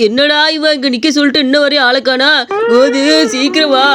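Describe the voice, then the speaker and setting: A woman voicing an eager young village man in love, talking in quick exclamations in a cartoon story. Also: high-pitched, natural voice. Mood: bewildered. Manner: excitable, exclaiming. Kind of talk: cartoon voice acting.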